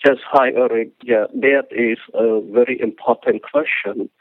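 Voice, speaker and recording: Guest author, Cambodian accent, earnest and halting, tinny phone-line sound. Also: male voice, medium pitch, fairly even intonation, no room sound. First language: Khmer. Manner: earnest, halting with restarts and non-native grammar. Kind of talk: interview answer.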